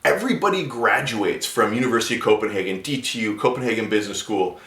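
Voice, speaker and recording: In this vlog, a man who speaks English natively offers laid-back job-hunting tips at a quick clip, his lowish voice animated and slightly bright. The room gives off an echo. He keeps restarting his sentences and leans heavily on fillers in a chatty way.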